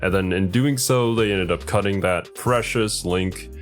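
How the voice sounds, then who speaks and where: A man giving casual reaction commentary in a musing, conversational way, like a streamer thinking out loud. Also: low voice, measured pace, faint music behind.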